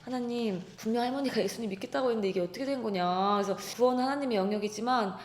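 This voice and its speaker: A woman telling a personal faith story in casual chat, animated and acting out the quoted voices. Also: a little high, rapid-fire. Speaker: guest. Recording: echoey room.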